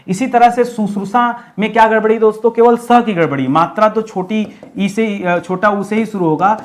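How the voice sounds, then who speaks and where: A young male Hindi teacher giving an exam-prep grammar lesson, asking questions and answering them himself, repeating words slowly and firmly. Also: high voice.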